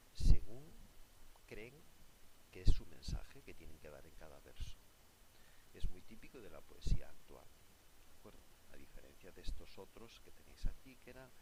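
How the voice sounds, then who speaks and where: Male teacher, deep gravelly voice, patient worksheet lesson over loud noise and clicks. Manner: patient, often asks "¿de acuerdo?". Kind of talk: recorded lesson explaining a worksheet.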